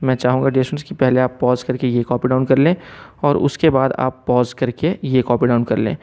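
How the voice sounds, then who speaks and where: A man teaching a recorded physics lesson, mixing Hindi with English terms, explaining slowly and checking in often with his students. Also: mid-range voice, fairly even intonation, darkish tone.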